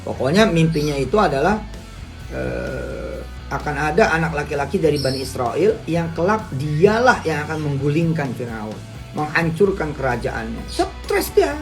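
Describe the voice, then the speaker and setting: A middle-aged preacher with a nasal voice talks to his audience in a loose, joking way and keeps asking them questions. His voice sits fairly high for a man. Faint music plays underneath. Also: moderate pace. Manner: lively, jokey, asks the audience questions. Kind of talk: casual Islamic teaching talk.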